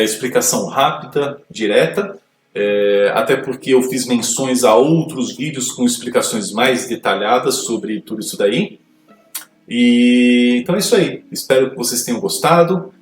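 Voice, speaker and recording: Hesitant man teaching, echoey and distant. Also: medium pitch. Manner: hesitant, many fillers, mixes Portuguese explanation with English terms. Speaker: English teacher. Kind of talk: explaining grammar rules.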